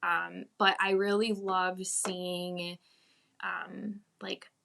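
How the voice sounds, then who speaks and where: A woman's voice: on the low side, little pitch movement, extremely slow, creaky, bright, forceful tone. A woman talking candidly and informally as an interview guest, reflective and full of hedging asides. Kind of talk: candid casual conversation.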